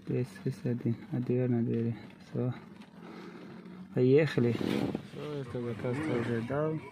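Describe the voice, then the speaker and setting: Slow-paced man, noisy recording. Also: medium pitch, little pitch movement. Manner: short, clipped phrases. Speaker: delivery courier vlogger. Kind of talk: casual running commentary while working.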